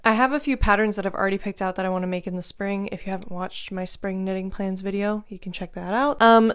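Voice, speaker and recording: A woman's voice: medium pitch, clear, resonant tone, dry recording, clean studio sound. A young woman talking casually to camera in a chatty, upbeat travel vlog. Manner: chatty, upbeat, thinking aloud. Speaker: vlogger.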